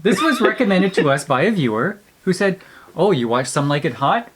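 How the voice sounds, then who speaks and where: A man's voice: a little high, very animated, normal speed, husky. A man co-hosting a casual, conversational movie review. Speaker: co-host of a movie review channel.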